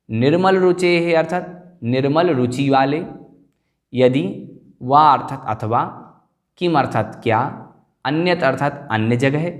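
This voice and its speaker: A man teaches a scripture class at a very slow, measured pace. He says each tricky word twice with deliberate care, as in a recitation lesson. His voice sits in a middle register. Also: mid-range voice. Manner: slow, careful, repeats words for pronunciation. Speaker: religious teacher.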